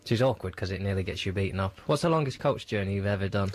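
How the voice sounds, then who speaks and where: A man co-hosting a radio show, complaining in a deadpan, grumpy way. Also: deep voice, very fast, slight background noise. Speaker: radio co-host. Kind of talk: casual radio banter.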